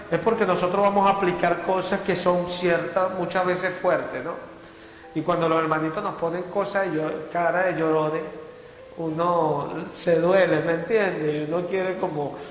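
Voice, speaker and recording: A man's voice: fairly high pitch, fairly bright tone, slight background noise. A man preaching a sermon as pastor, fervently asking the congregation rhetorical questions. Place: church hall. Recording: echoey church hall, faint music.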